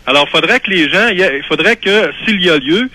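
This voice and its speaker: A man's voice: sits high, lively intonation, quick pace, sharp tone, no echo, low-quality recording. A man in his fifties with a Québécois French accent, calling into a radio show and reading a formal statement with hesitant restarts. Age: 50s. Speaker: caller. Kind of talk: phone call into a radio show.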